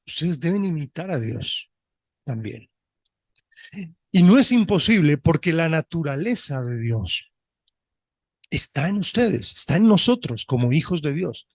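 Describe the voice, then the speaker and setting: A male pastor preaching a sermon, reading scripture deliberately and often checking in with his listeners. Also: a little high, a little mellow, no echo. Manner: reads scripture slowly and deliberately.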